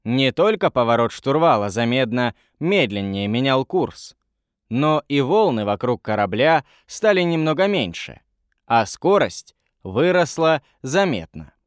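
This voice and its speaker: A man reading a fantasy adventure aloud in an even storytelling manner. His intonation moves lively up and down, and the recording is dry and close. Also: medium pitch, unhurried, clean tone, no room sound. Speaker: narrator. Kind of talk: audiobook narration.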